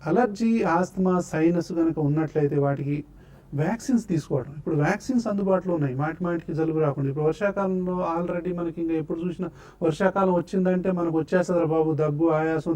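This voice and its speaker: A man's voice: a little high, fast talker, warm tone. A man speaking as a doctor on a TV health show, patiently explaining causes and treatments one after another. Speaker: doctor answering health questions.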